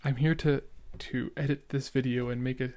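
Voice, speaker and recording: Commenting on an old recording of himself, this young podcaster talks through his thoughts in a loose, rambling way, sounding earnest despite a noticeable stutter and heavy use of fillers. He speaks at a moderate pace in an ordinary-pitched, slightly mellow voice with fairly even intonation.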